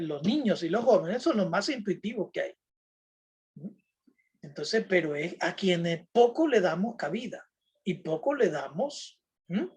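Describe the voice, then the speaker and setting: A man's voice: sits high, darkish tone, husky. A man giving a lecture on critical thinking to a religious group, checking in with his listeners through constant tag questions and plain everyday examples.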